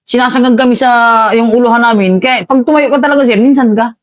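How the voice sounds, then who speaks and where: Halting soldier telling a war story, dry close sound. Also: male voice, extremely high pitch, steady tone, no echo. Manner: halting, addresses the host as "sir" constantly. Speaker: army veteran guest recounting combat. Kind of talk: casual interview storytelling.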